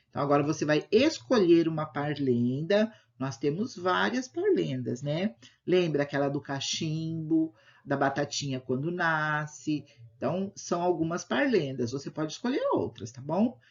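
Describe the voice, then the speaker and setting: A woman's voice: sits low, darkish tone. A woman teaching a primary school lesson for children in a patient, sing-song teacher's voice. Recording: dull lo-fi home recording.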